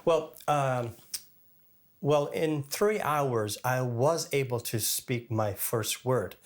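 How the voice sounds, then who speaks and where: A man from Cape Breton, a former pastor, talking as a guest in halting, slow speech full of fillers, with a French-sounding lilt left after a stroke. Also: medium pitch. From Cape Breton, Canada. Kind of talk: interview conversation.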